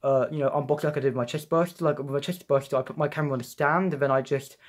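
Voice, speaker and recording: A young man chatting casually as he reviews a collectible figure, excitable and rambling with frequent restarts. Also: mid-range voice, very fast. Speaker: toy reviewer. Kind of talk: casual unboxing vlog.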